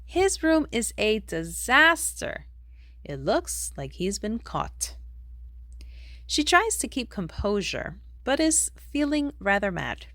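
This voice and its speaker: In an unhurried, expressive read-aloud, a woman narrates a rhyming storybook meant for small children, her pitch rising and falling a great deal. There is hardly any room sound; the audio is dry.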